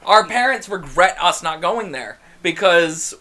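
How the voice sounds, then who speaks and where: A man's voice: high voice, animated, measured pace, pushed and bright. A young man hosting a casual podcast chat, laughing often and swearing casually. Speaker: podcast host.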